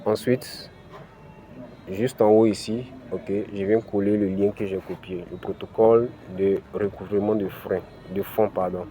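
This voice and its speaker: Low, mellow-voiced French-speaking man. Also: steady tone, a little slow, a little hiss or hum. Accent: African French. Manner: explains step by step, many "ok" and "voilà" fillers. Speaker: crypto channel host. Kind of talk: screen-recorded tutorial walkthrough.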